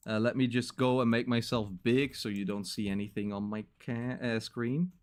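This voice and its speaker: A man's voice: mid-range voice, steady tone, moderate pace, smooth. Young man, streamer, casual sign-off chat, rambly and filler-heavy.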